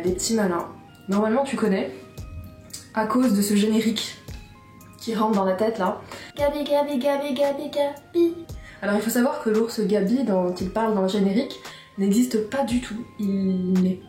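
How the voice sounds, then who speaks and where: A woman's voice: medium pitch, darkish tone. A woman in her thirties in a casual chat as a vlogger, chatty and self-mocking, with frequent hesitations. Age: 30s. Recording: roomy echo, faint music behind.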